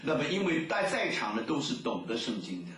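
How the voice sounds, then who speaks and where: A man preaching a sermon and reading scripture aloud, telling the story in a lively way and stretching out his filler words. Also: mid-range voice, a little fast, a little hiss or hum. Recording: echoey room, mic at a distance.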